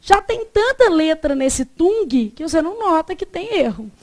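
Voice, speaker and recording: High-voiced Brazilian woman teaching grammar. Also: sing-song, darkish tone. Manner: quizzes the class with questions, then answers them herself; dictates rules slowly, repeating each one. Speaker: Portuguese teacher. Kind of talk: classroom grammar lesson.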